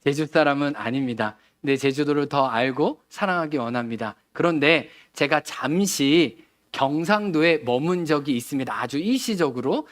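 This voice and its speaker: A man's voice: on the high side, normal speed, no echo. A man from Seoul preaching a Sunday sermon, talking easily with his congregation and asking them questions. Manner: conversational, asks the congregation questions. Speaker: pastor. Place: church sanctuary.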